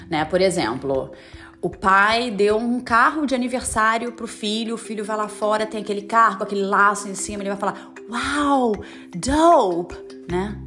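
A woman's voice: mid-range voice, a bit bright. A woman hosting a podcast lesson, explaining slang in a chatty way with lots of tag questions and English examples. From Brazil. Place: lives in the United States.

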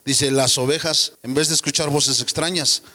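A man preaching a sermon with passion, firing rhetorical questions and rising to shouts. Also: on the high side, steady tone, moderate pace. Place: church. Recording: long church hall reverb.

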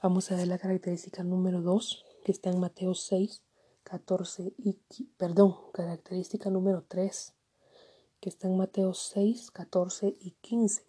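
Woman preacher, breathy whispery voice, dark mellow tone, slow delivery. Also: on the low side, level tone. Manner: soft-spoken, often whispery, frequent "amén". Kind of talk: sermon.

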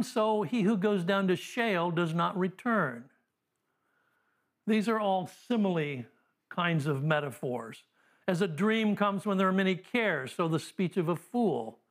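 A man with a high voice delivers a classroom Bible lecture. He talks conversationally, full of fillers and dry humor, and sounds middle-aged. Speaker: Bible teacher.

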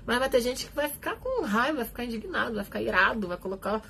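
A woman's voice: fairly high pitch, lively intonation, fast talker, fairly bright tone, a little hiss or hum. A woman with a Brazilian Portuguese accent preaching a live sermon, earnest and encouraging, acting out the voices she quotes. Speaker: worship minister preaching.

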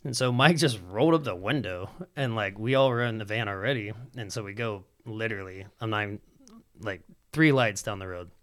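A man's voice: on the low side, a little fast. A man from Alabama, a skateboarder guesting on a podcast, telling stories in casual, profane chat and acting out what his friends said. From Alabama, USA. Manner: profane, animated, acts out quotes of friends.

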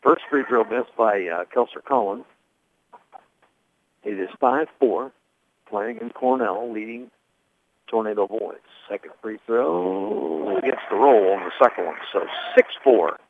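A man doing radio play-by-play of a basketball game, calling plays fast and reading sponsor spots. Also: lowish voice, lively intonation, slight background noise. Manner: rapid calls with read sponsor spots. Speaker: play-by-play announcer. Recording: tinny phone-like radio broadcast.

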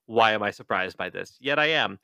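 Bright-voiced joking man recapping a book. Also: fairly low pitch, fairly quick, creaky, no room sound, clean studio sound. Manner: animated, profane, joking, with exaggerated quoted voices. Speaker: podcast host. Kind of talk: casual book recap chat.

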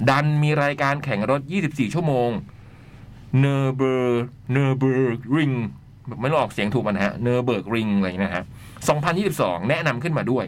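A man hosting a radio talk show, reading a listener's letter with playful asides. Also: medium pitch. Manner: playful, chatty, reads letters aloud with asides. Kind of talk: casual studio chat and reading listener letters.

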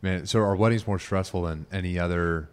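A man interviewing a guest in a casual chat, quick and chummy, often saying "man". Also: deep voice, smooth.

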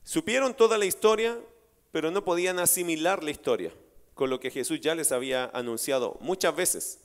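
A man's voice: on the high side, brisk. A male pastor preaching a sermon in a church, asking his congregation rhetorical questions and calling them brothers. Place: church sanctuary. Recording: reverberant church hall.

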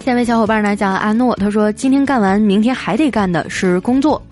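A woman's voice: medium pitch, brisk, a little mellow. A woman hosting a show, reading listener jokes aloud in a playful, chatty way and laughing at the punchlines. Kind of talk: casual joke reading. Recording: music playing faintly under the voice.

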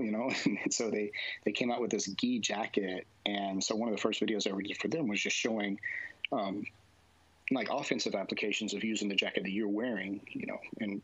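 A man talking casually in a relaxed conversation, rambling with lots of fillers and frequent laughs. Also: fairly low pitch, slightly rough, no room sound. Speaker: jiu-jitsu instructor guest. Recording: dull, dry lo-fi sound.

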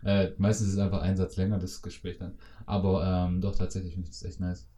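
A young man chatting casually as podcast co-host, playfully acting out quotes in a high falsetto. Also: monotone, fast, dark tone. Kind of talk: casual chat. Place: his room in a shared flat.

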